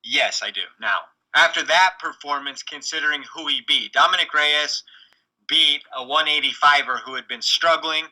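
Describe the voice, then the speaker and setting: A man's voice: fairly high pitch, normal speed, sharp tone, low-quality recording. A man co-hosting a casual sports podcast, giving confident, opinionated fight analysis. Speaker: podcast co-host.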